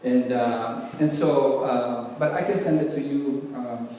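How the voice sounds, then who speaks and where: A middle-aged man from Guatemala, speaking to a congregation and answering an audience question in a measured, thoughtful way with frequent hesitations. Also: mid-range voice, fairly even intonation, mellow, slight background noise. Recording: echoey hall, voice from far off.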